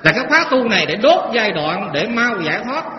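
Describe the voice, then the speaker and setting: High-voiced monk preaching in an echoing hall. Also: male voice, very animated, fairly quick. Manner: folksy storytelling with rhetorical questions to the audience. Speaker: Buddhist monk teaching lay followers. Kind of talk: Dharma talk to a live audience. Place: temple hall with a live audience. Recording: echoey hall, dull lo-fi sound, faint noise.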